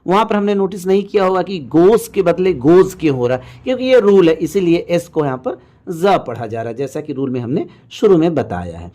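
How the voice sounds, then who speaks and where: A man teaching English pronunciation in a patient, explanatory way, slowly drilling word lists and correcting common mistakes. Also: a little high, animated, warm tone. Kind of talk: explanatory lesson.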